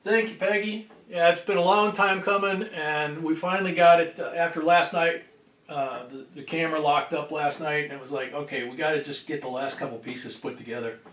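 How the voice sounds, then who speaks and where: Higher-voiced man livestreaming, distant from the mic. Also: fairly even intonation, brisk, fairly bright tone. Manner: distant from the microphone. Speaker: livestream host. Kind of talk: casual livestream chat, greeting viewers. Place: indoors at a table. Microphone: boom microphone. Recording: roomy echo, distant microphone.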